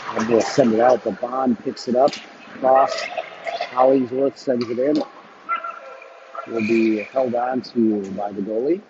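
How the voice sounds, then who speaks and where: A man doing live hockey play-by-play commentary in quick, clipped calls that jump up on shots. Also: mid-range voice. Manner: rapid clipped calls, bursts of excitement on shots. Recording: dull lo-fi stream audio with noise.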